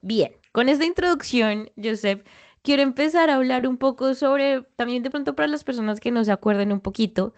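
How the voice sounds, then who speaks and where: Higher-voiced woman hosting an academic interview. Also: a little fast. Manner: conversational, with frequent fillers. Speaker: podcast host, interviewer.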